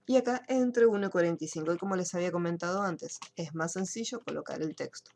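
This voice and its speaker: Woman, online software instructor; patient step-by-step delivery, gravelly edge. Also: on the low side, fast, slight background noise. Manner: explains step by step, checks in with students. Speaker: computer course teacher. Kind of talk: screen-share software tutorial.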